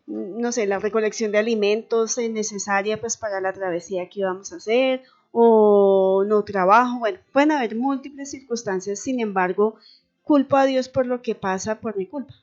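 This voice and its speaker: A woman's voice: mid-range voice, fairly even intonation, a little slow, a little mellow. A woman co-hosting a Bible radio program, thinking aloud with hesitant restarts. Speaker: radio co-host. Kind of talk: radio conversation. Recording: dull radio recording with faint music.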